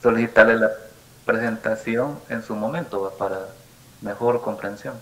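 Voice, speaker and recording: A man's voice: on the low side, moderate pace, fairly bright tone, poor audio. A man speaking as a student in an online class, politely and a little hesitantly asking his teacher for the presentation.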